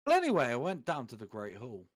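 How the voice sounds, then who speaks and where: A man's voice: mid-range voice, wildly swooping pitch, quick pace. A man doing a theatrical, comedic reading of amateur fan fiction, putting on voices for the quotes.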